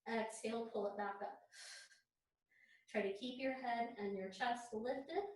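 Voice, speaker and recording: A woman leading a yoga class with soothing, encouraging, unhurried cues, recorded in an echoey room. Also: fairly high pitch, a little mellow. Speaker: fitness and yoga instructor. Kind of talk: guided workout class, spoken cues. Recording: very echoey room, distant microphone.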